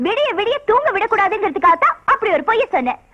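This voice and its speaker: A very high, lively voice of a teasing young village woman, shrill and playful in a 1990s film comedy. The lines swing up and down, heard on a dull, muffled film soundtrack with faint music under it. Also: quick pace, full character voice.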